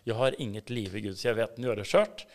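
A man's voice: on the low side, expressive, creaky. A man with a Swedish accent telling his personal faith story in an interview, earnest and intense, sometimes dropping to a whisper. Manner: earnest, swings between hushed whispers and emphatic bursts. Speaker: interview guest. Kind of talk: personal testimony in a casual interview.

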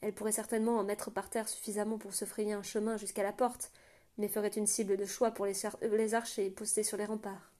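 A woman narrating a fantasy novel aloud in a quiet, measured reading voice. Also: mid-range voice, level tone. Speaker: audiobook narrator.

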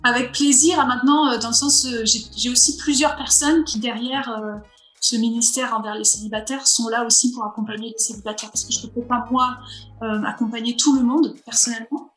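A woman's voice: a little high, fairly bright tone, reverberant. A woman guest leading a ministry for singles, speaking earnestly and encouragingly.

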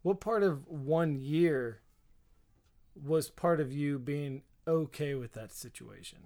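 A man hosting a casual podcast chat, asking probing questions and thinking out loud, with joking asides. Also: fairly high pitch, slow. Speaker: podcast host.

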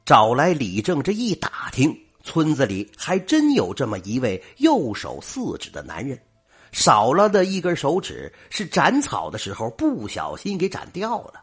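An older man narrating a folk tale in a dramatic, lively manner. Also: on the high side, unhurried, husky, soft background music. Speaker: storyteller.

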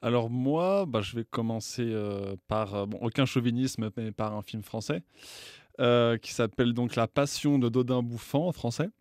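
A man from France co-hosting a radio show, talking in a lively but hesitant way while introducing a film. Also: mid-range voice, normal speed, no room sound, studio quality. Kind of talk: casual radio chat. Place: radio studio.

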